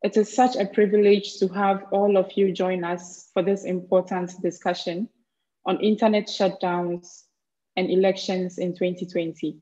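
A woman's voice: medium pitch, little pitch movement, moderate pace, mellow. A woman moderating an online briefing, reading a scripted introduction over a video call. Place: small indoor room. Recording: dull lo-fi video call audio.

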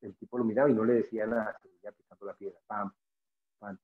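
Over a tinny, phone-like line, a male guest speaker gives a spiritual motivational talk at a fast clip. His fairly low voice stays flat, yet he is earnest and emphatic, repeating phrases to hammer his points home.

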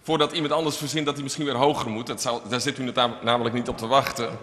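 A man's voice: medium pitch, steady tone, fast, fairly bright tone. A man who is a member of parliament speaking wryly and jokingly in a panel debate in a large hall. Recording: hall reverb.

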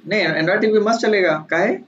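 Jovial teacher with a lilt. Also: male voice, high voice, normal speed, a bit bright. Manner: teasing, jovial, calls on students by name. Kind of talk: casual online class. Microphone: video call. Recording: dull online call audio with faint noise.

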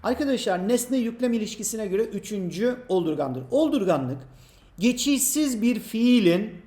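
High-voiced man teaching, echoey room. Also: expressive, warm tone. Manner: explains slowly and patiently, asking and answering his own questions; addresses imagined students by name. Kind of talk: exam prep grammar lesson.

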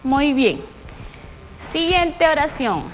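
A woman's voice: sits high, lively intonation, slow pace. A young woman with a Guatemalan Spanish accent teaching a primary school class on television, encouraging the children and answering her own questions. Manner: encouraging, asks questions and answers them herself. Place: TV studio set with a desk. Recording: long reverb, faint background noise.

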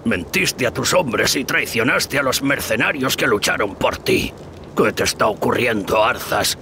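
An actor playing a gruff, blunt, loyal older dwarf warrior in a fantasy game, with game sound behind him. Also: male voice, medium pitch, measured pace, background noise. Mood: reproachful. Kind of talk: scripted fantasy game acting.

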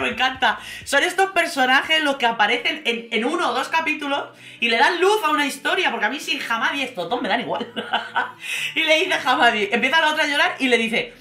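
A woman with a Spain Spanish accent gives animated, colloquial commentary on reality TV and laughs often. Her voice sits high and sounds bright and sharp. The recording is made in an echoey room. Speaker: reality TV recap vlogger. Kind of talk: casual commentary.

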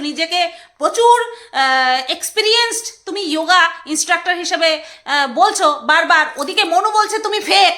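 Very high, bright-voiced mocking woman. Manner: mocking, sarcastic, teasing. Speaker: vlogger. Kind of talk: casual commentary.

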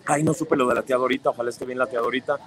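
A man's voice: mid-range voice, steady tone, very fast, a crowd in the background, low-quality recording. A man with a Mexican accent hosting a casual livestream, reading viewers' comments aloud in a chatty, affectionate, playfully teasing way. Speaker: livestream host.

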